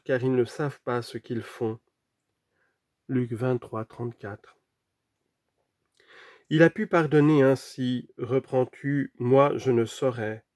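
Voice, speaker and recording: A man reading a sermon aloud in an earnest, deliberate way, dropping quieter for scripture references. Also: medium pitch, no room sound, clean studio sound. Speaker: reader of a sermon.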